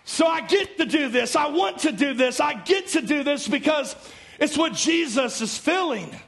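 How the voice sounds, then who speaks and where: Man, pastor, fervent sermon, high voice, gravelly edge, shouts and hushes. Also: lively intonation, moderate pace, soft background music. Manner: fervent preaching, rising to shouts and dropping low.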